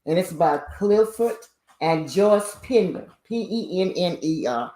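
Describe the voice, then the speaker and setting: A woman's voice: lowish voice, animated, unhurried, mellow. An older woman, a guest on a live stream, talking in a rambling, chuckling way. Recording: roomy echo.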